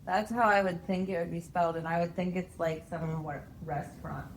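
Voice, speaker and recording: A woman's voice: on the low side, fairly even intonation, a little fast, a little hiss or hum, rough recording. A young woman in her twenties co-hosting a podcast, chatting casually, laughing often and patiently explaining things. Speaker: podcast co-host. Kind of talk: casual chat.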